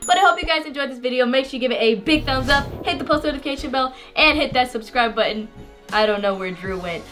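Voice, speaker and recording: A woman hosting her vlog, playing a casual trivia game with excitable, giggly guessing. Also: high-pitched, fast, faint music behind. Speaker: vlogger host.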